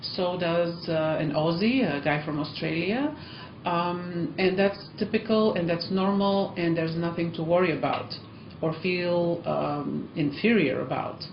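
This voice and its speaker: Her voice is lowish and her pace measured as this Eastern European language teacher, accent noticeable, chats warmly to learners in a casual vlog. Ums and uhs come often, and the muffled, echoey room has slight background noise.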